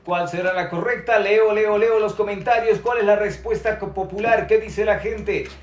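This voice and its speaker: A man's voice: high voice, moderate pace, roomy sound. A man teaching Quechua on a live stream, chatty and upbeat, reading out viewer comments and repeating words.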